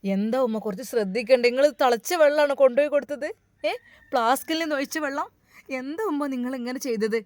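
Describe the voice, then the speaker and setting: A woman's voice: high-pitched, fast, a little mellow, no room sound, close to an everyday voice. A woman playing a worried young man, Malabar accent. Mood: reproachful. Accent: Malabar Malayalam. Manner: urgent, worried calling. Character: caring young man, worried and urging his mother.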